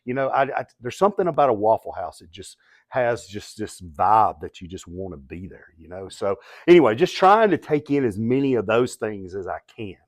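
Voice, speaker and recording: A man giving poised pageant-style interview answers, earnest and deliberate, with halting pauses between phrases. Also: on the low side, very animated, no echo, clean studio sound. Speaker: coach being interviewed.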